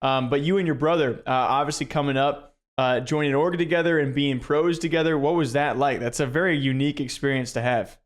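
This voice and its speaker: A man from Iowa runs an interview in a fairly high voice. He ribs his guest with mock exasperation. His questions come in quick, loose banter. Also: fairly even intonation. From Iowa, USA. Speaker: interviewer, host. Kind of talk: casual interview.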